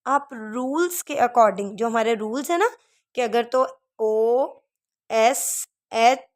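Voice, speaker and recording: A woman teacher giving a recorded English lesson, patiently drilling word endings by repeating each word slowly. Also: on the high side. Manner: patient, calls the learner "beta", drills words by repeating them slowly.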